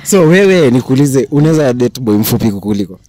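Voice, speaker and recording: A young man with a Kenyan accent hosts a casual interview. He speaks quickly at a middling pitch, swinging up and down as he teases and probes in slangy banter. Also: animated, dark tone, no echo. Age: 20s. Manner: teasing, probing, slangy. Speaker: street interview host. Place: outdoors beside a car and hedge.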